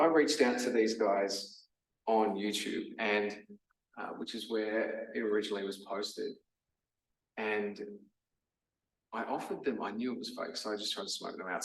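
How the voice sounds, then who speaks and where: An Australian man giving a casual lecture, chatty and full of fillers like "um" and "like". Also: fairly low pitch. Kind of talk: casual masterclass talk. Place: lecture room. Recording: roomy hall, mic from a distance.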